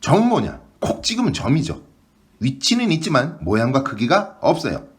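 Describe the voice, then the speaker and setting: A man's voice: medium pitch, huge pitch swings. A man teaching a math lesson online, asking short questions and answering them himself. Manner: quick question-and-answer explaining.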